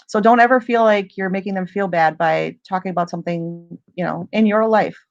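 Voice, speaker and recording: Lady rambling on a livestream, laughs a lot, medium pitch, just chatting. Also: fairly quick, vocal fry, highs cut off, faint music behind. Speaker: livestream host. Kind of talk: casual livestream Q&A.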